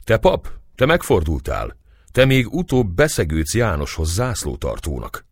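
A man voicing a hot-tempered old nobleman who shouts and rages in a storybook reading. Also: low voice, huge pitch swings, slightly rough, no room sound, studio quality, voice pushed up, exaggerated voice. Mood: furious. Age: older. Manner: shouting, bitter, blustering.

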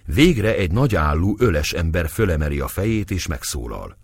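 Deep-voiced male storyteller. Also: very animated, husky, no room sound, studio quality. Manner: measured storytelling. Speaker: narrator. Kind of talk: audiobook narration of a historical novel.

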